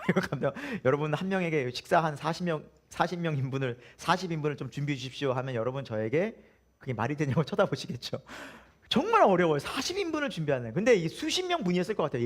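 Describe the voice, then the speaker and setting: A male pastor preaching a Sunday sermon in a church, with humor and many rhetorical questions. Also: high-pitched.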